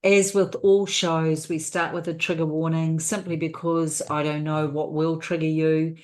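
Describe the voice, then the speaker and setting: A woman's voice: low-pitched, little pitch movement, measured pace, darkish tone, faint music behind. A woman with a New Zealand accent hosting an interview show, welcoming and earnest. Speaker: host.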